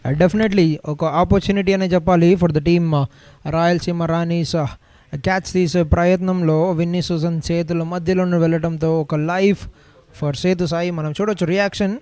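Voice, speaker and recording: A male cricket commentator with a Telugu accent, his voice on the high side and soft-edged, recorded close and dry. He moves between Telugu and English as he sums up play, pausing and then hurrying on. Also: steady tone, clear, resonant tone, dry recording.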